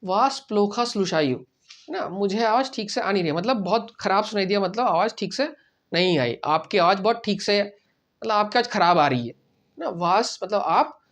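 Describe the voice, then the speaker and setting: Man teaching a relaxed language lesson. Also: sits high. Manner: explains step by step, often asks "right?" and repeats phrases slowly. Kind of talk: casual spoken lesson.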